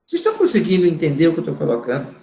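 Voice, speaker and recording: Male instructor, high, forceful lecturing voice, echoey room. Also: huge pitch swings, very fast, gravelly. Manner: loud, emphatic, repeats words for stress. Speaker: course instructor. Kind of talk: lecture to a class.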